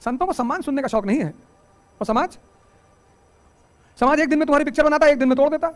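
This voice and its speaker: High-voiced fast-talking male teacher. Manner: animated, rhetorical questions, joking asides. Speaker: exam coaching teacher. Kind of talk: motivational classroom talk.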